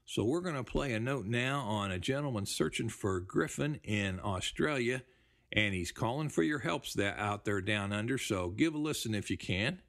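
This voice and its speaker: A man hosting a genealogy show, chatting casually as he reads through listener emails, with relaxed, rambling speech. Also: medium pitch, moderate pace, creaky. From United States. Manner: relaxed, rambling, with fillers and restarts. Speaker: podcast host. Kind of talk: casual talk reading listener mail.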